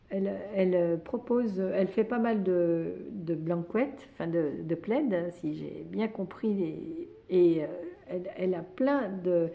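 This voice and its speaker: A woman's voice: lowish voice, gravelly, phone-quality sound. A woman hosting a knitting podcast, chatting casually and hesitantly, with frequent fillers and restarts. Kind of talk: casual chat.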